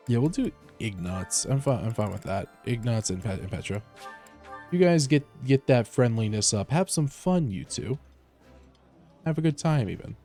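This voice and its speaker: Streaming from home on a headset mic, a man gives casual live commentary as he plays a game, rambling with plenty of fillers and restarts. His voice is medium-pitched and mellow.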